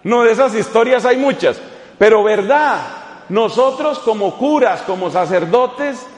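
Priest preaching in an echoing hall. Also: male voice, high voice, unhurried. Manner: animated, teasing, mimics voices in anecdotes. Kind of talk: humorous sermon with storytelling. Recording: echoey hall with long reverb.

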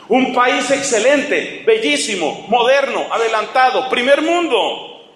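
An impassioned male preacher delivers a sermon full of sarcasm and rhetorical questions. His voice sits high and bright, and the hall around him echoes. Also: a little hiss or hum.

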